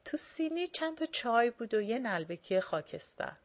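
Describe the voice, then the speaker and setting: A woman's voice: a little high, sing-song. A woman reading a first-person short story aloud in a casual spoken manner. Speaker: reader.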